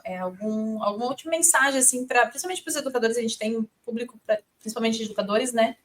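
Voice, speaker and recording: Podcast host: a woman who talks fast and friendly. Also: fairly high pitch. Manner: warm thanks, fillers, friendly. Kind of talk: podcast interview.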